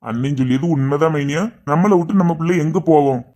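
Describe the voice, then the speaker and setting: A man's voice: fairly high pitch, fast talker, a little mellow, a little hiss or hum, natural voice. A man playing a firm, reassuring uncle. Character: steady uncle, calming and advising the family.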